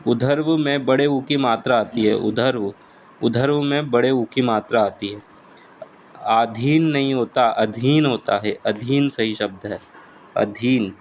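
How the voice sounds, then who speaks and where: A man teaching exam spelling, saying each word slowly and repeating it for his students. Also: mid-range voice, a little hiss or hum, rough recording. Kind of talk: slow spelling lesson.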